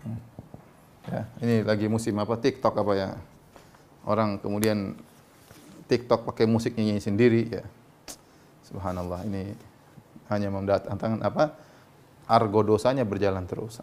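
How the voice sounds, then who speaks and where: A man's voice: fairly low pitch, darkish tone, slight background noise. Man preaching with emphatic rises. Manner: conversational, frequent "ya" tags, rising emphatic peaks. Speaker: Islamic preacher. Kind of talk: sermon lecture.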